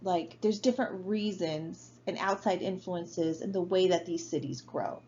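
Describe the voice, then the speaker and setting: A woman gives a recorded geography lecture from home, speaking in a low-pitched, conversational way full of fillers and "right?" checks. The sound is a little muffled and dull. A faint background hiss sits under her voice. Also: a little slow, dark tone. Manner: casual and conversational, many fillers and tag questions. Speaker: college geography instructor.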